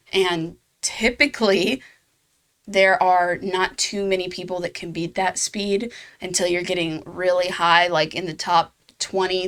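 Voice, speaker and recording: A woman's voice: medium pitch, fairly bright tone. A woman hosting her own game guide video, talking casually and laughing at herself now and then. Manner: chatty, laughs at herself, fillers. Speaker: gaming channel host.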